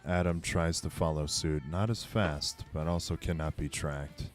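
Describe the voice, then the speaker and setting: A man's voice: extremely low pitch, fairly even intonation, unhurried. A man running a tabletop game as game master, narrating a violent scene in grim, dramatic tones. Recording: faint background music.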